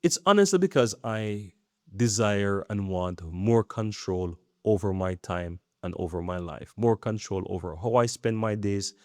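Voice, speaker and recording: This is a man in his thirties, a YouTube creator, rambling earnestly through a casual talking-head vlog and frequently asking "right?". His voice sits fairly low and sounds a little mellow. It's recorded at studio quality with no room sound.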